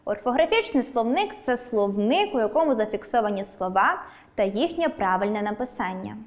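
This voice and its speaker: A woman teacher giving a scripted online lesson, speaking clearly and stressing each example word. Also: fairly high pitch, big pitch swings, fairly quick. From Ukraine.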